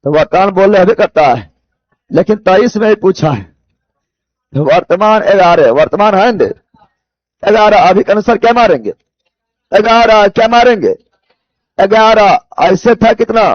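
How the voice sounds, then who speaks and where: With a high voice and lively intonation, a man from Bihar delivers a live coaching lecture on general knowledge for competitive exams. He speaks at a moderate pace, pauses often, and drills the material by repeating key phrases and posing rhetorical check questions, all in a Bihari accent. There is no room sound, and the highs are cut off.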